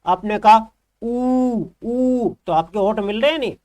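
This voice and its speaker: A man's voice: sits high, expressive, fast talker, darkish tone. A male teacher giving a lesson, repeating each term and asking the class questions.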